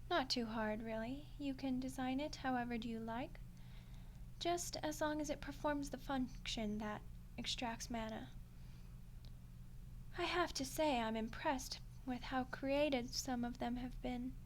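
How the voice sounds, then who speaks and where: A woman voices an ancient female archdemon in a roleplay ASMR monologue, her voice sitting high with a little hiss or hum. Amused and smug, she's playful, condescending and coolly menacing, unhurried with whispery touches.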